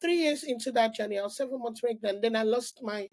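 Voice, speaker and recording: A Nigerian woman in middle age, appearing as a podcast guest, tells her story in a lively, casual interview. She restarts often and fills gaps with "like." Her voice runs slightly high and quick.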